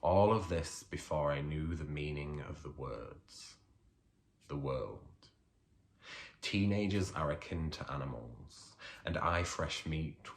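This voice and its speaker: A Leeds poet with a deep, gravelly bass opens with a hesitant, filler-heavy introduction before reading his poems aloud. He talks in an unhurried, halting way throughout.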